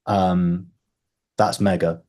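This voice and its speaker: A man with a somewhat low voice hosts a casual group call. He thinks out loud, restarting and repeating words as he works his way to the point. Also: flat delivery, very slow. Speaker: book club host.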